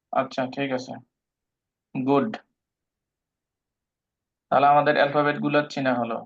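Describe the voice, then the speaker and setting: Patient male teacher on a dull call. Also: mid-range voice. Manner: patient, explains pronunciation step by step, mixes in English words. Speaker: language teacher. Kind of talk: live online class. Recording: dull lo-fi online call audio.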